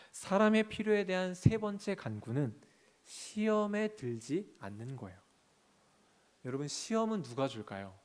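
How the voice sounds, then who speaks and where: A man preaching a sermon as a pastor in a church sanctuary, asking the congregation questions and answering them himself, and reading scripture aloud. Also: on the high side.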